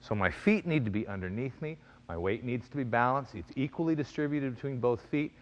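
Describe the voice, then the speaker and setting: A man giving an instructional fencing demonstration, explaining in a measured way and calling out crisp, clipped commands as an instructor. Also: medium pitch, muffled recording. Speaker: fencing and self-defense instructor.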